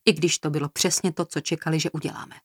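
A woman's voice: low-pitched, steady tone, darkish tone, breathy edge, dry recording, studio quality. A woman voicing a stubborn young woman who answers tersely and defiantly, in an audiobook reading. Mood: defensive. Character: stubborn defensive young woman under pressure.

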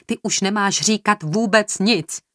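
A woman's voice: fairly low pitch, no echo, studio quality, lightly acted. A woman voicing a bitter, hostile woman who raises her voice in anger, in an audiobook reading. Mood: angry.

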